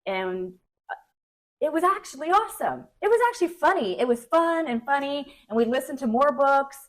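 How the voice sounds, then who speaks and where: A woman's voice: high voice, animated, normal speed, rough recording. A woman co-hosting a casual podcast, chatty and talking straight to listeners as y'all. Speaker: podcast co-host.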